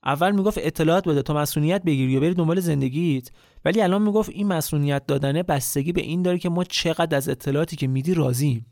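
A man's voice: a little high, a little mellow, no echo, clean studio sound. A man telling a true spy story in a casual, colloquial way, speaking straight to the listener.

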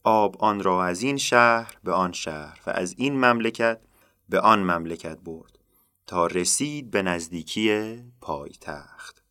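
A man tells a folktale in a calm, unhurried way. His voice sits low and deep. The recording is dry and close, with no room sound. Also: no room sound. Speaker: storyteller. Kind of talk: folktale narration.

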